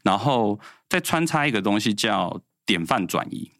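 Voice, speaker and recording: A man in his thirties with a Taiwanese Mandarin accent tells stories quickly and animatedly, his fairly low voice jumping around in pitch. He is a guest in casual chat and acts out the people he quotes. The sound is close and dry. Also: big pitch swings, a bit bright, no echo. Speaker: guest, insurance salesman.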